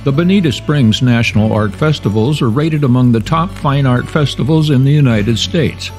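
Male narrator, steady scripted voice-over, music underneath. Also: mid-range voice, moderate pace.

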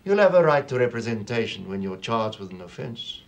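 An apartheid-era police interrogator, coolly bureaucratic and taunting, animated delivery. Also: male voice, medium pitch, fairly quick, creaky. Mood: menacing mockery.

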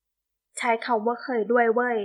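A woman's voice: a little high, flat delivery, unhurried, muffled recording, natural voice. A woman voicing a playful, boastful young husband who teases and coaxes, in a storybook reading. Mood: teasing. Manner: teasing, coaxing.

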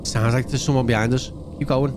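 A man in his thirties or forties hosts a gaming channel, giving casual, chatty let's-play commentary and thinking aloud into a close desk mic at his indoor setup. His voice is medium-pitched and steady, fairly quick. The background is noisy.

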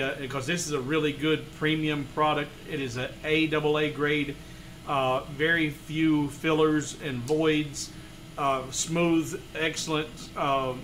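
A man in his forties walking through a woodworking design file step by step, with relaxed explanations and frequent fillers. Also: fairly high pitch, slight background noise, poor audio. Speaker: woodworking tutorial host. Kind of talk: screen-recorded software tutorial. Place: home studio room.

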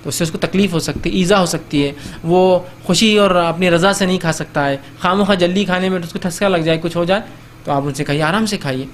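A man's voice: sits high, a little fast, slight background noise. A man giving a religious lecture on etiquette, talking conversationally, acting out little host-and-guest exchanges and often checking in with his listeners.

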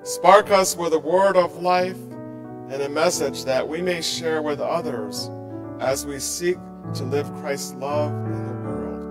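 A middle-aged man delivers a sermon from behind a church pulpit, speaking slowly and earnestly. His voice sits a little high for a man, and it softens as his phrases end. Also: music in the background. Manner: slow, measured and earnest, voice dropping softly at line ends. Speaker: pastor.

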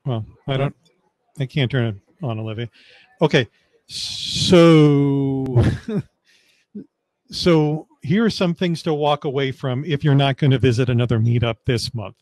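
A man organizing a web developer meetup, presenting news over a video call in a relaxed, rambling way with fillers and restarts. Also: medium pitch, slow, no room sound, low-quality recording. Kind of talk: casual online meetup presentation.

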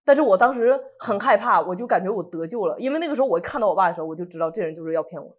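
This co-host is a woman from Northeast China with a mid-range voice who talks rapid-fire. Sharing a personal anecdote in relaxed conversation, she stays animated and performs other people's lines as she goes.

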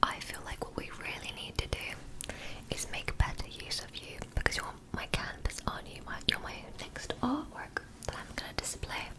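A woman's voice: moderate pace, rough recording. Whispering young woman, tingly ASMR mouth sounds, whispered role-play. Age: 20s. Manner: softly coaxing, talking directly to the listener. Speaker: ASMR creator. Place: small indoor room.

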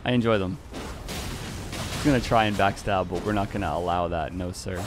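A man's voice: sits low, fairly quick, music in the background. A man giving casual, playful commentary over his own gameplay, chuckling often and greeting the players he meets. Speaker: gaming YouTuber.

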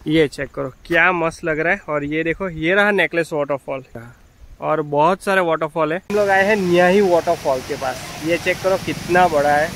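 A young man vlogging casually outdoors in the rain, excitedly pointing out the waterfalls to viewers as he films on a handheld camera. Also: fairly high pitch, normal speed. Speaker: travel vlogger. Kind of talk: casual travel vlog. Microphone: handheld phone or action camera. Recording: loud outdoor noise of rain and falling water.

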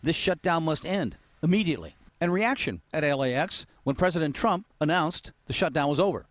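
An older American man, a TV news correspondent on a handheld microphone, reports live and narrates scripted segments at an airport terminal and curbside. His fairly high voice is sing-song and a bit bright, a little fast, with no echo.

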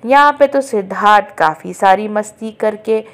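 A woman's voice: medium pitch, moderate pace, a bit bright. A woman narrating a chatty recap for viewers, retelling quotes in her own voice. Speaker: show update narrator.

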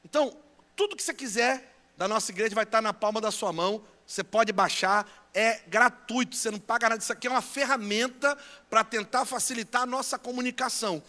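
A Brazilian pastor making playful, teasing announcements and bantering with a live conference crowd. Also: male voice, high-pitched, fairly quick, sharp tone. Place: large church conference hall. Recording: long echo of a big hall.

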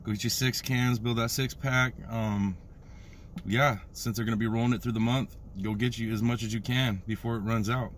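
A man's voice: medium pitch, fairly even intonation. An American man in his thirties talking with a lip full of dip in a casual, slangy review vlog, drawing out hyped catchphrases. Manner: slangy, drawn-out hype catchphrases. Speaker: product reviewer. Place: inside a parked car. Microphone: phone at arm's length. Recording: noticeable background noise inside a car.

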